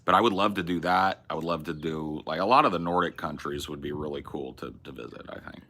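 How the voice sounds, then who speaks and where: Deep, bright and forceful, a streamer host rattles through viewer messages on a casual livestream at a quick clip. He rambles, swears freely, and keeps stumbling, restarting and correcting himself mid-thought.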